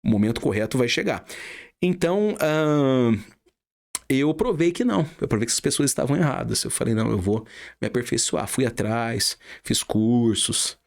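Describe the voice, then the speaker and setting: A man's voice: mid-range voice, animated, moderate pace, vocal fry. A middle-aged Brazilian man, a radio announcer, telling his story in a casual interview with an emphatic, heartfelt manner and a Brazilian Portuguese accent.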